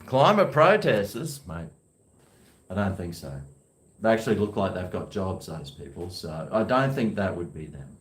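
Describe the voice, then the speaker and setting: A man's voice: low-pitched, sing-song, moderate pace. A man with a broad New Zealand accent, chatting casually and rambling to himself in slangy talk at home. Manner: chatty, self-talking, slangy. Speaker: vlogger. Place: indoors at home. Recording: echoey room.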